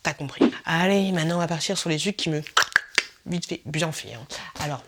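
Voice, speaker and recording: A woman's voice: low-pitched, a little fast. A woman YouTuber in a casual, humorous vlog, teasing and addressing viewers directly. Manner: playful and teasing, mimics other creators in exaggerated voices.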